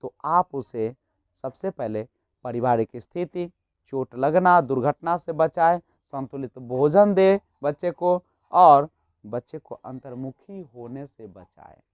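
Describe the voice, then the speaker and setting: In a dull, dry, lo-fi recording with no echo, a man with an animated mid-range voice teaches an exam-prep lesson at a slow pace. He explains step by step, poses rhetorical questions to his students, and frequently adds the tag "nahin."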